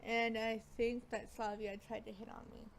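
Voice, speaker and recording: A woman's voice: a little high, level tone, normal speed, creaky, slight background noise. A woman giving casual, playful game commentary into a desk mic, joking at her own expense and swearing lightly. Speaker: gaming video creator.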